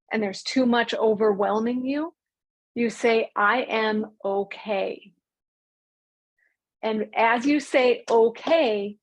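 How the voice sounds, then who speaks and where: A woman teaching an online mindfulness class, speaking calmly and drawing out key words slowly. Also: on the high side, low-quality recording. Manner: calm, slows and stretches key words. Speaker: mindfulness coach.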